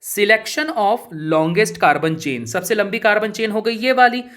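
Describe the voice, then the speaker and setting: Here a man gives an informal chemistry lesson, posing questions to his students and answering them on his own while addressing them as brother and buddy. He speaks slowly in a high, slightly bright voice, and the whole thing feels like a relaxed talk.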